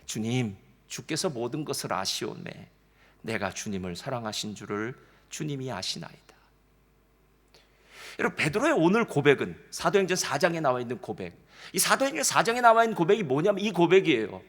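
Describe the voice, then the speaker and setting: 주일 예배에서 설교하는 남성 담임목사로, 인용 대사를 연기하듯 이야기하며 회중에게 직접 말을 건넨다. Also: male voice, medium pitch, fairly quick. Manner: animated storytelling, acts out quoted dialogue; addresses congregation directly, frequent "예" fillers. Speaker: senior pastor. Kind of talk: sermon.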